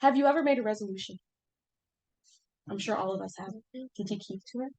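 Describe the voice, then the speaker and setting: A woman's voice: mid-range voice, a little fast, darkish tone. A woman in her thirties teaching an informal class, chatty and full of fillers, asking the group questions as she goes.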